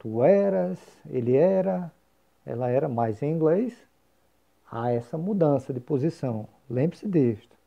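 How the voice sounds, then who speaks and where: Slow, gravelly teacher. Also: male voice, on the high side, animated. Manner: slow, patient explaining with repeated example phrases. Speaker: English teacher. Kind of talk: recorded grammar lesson. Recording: dull lo-fi recording.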